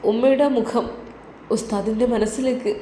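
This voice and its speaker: A woman's voice: on the high side, fairly even intonation, moderate pace, mellow. A woman narrating a dramatic story in an emotive, earnest way. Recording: roomy with faint background noise.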